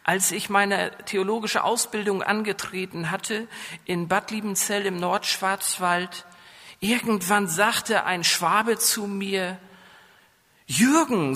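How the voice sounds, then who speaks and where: A man's voice: sits high, sharp tone. A man from northern Germany with a coastal accent, preaching a sermon. He often asks the congregation questions and builds up to raised, emphatic passages. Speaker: pastor. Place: church. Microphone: microphone. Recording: hall reverb.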